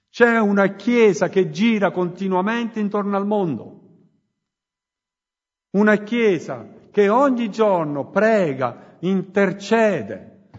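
A man preaching a sermon in a church hall, slow and emphatic, swinging between loud and hushed phrases. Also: high-pitched, husky. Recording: muffled recording with long hall reverb.

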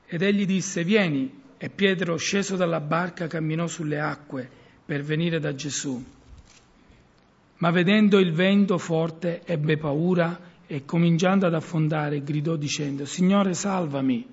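Middle-aged guy preaching a sermon, high gravelly husky voice, earnest, muffled lo-fi sound. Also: measured pace. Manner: earnest, rising and falling emphasis. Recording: muffled lo-fi recording.

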